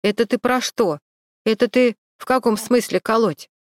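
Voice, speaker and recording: A woman's voice: on the high side, moderate pace, no room sound, studio quality, pitched above the performer's own voice, close to an everyday voice. A woman voicing a nervous male security guard who mumbles, pleads and dodges.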